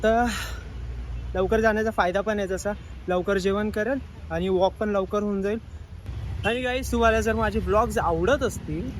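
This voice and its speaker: A man's voice: sits high, slight background noise, low-quality recording. A young man chatting casually in his daily vlog, mixing English words into his talk, recorded on a phone. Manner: relaxed chatty, mixes English words into Marathi. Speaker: vlogger, aspiring actor. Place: Mumbai, indoors and out on the street. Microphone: phone held while vlogging.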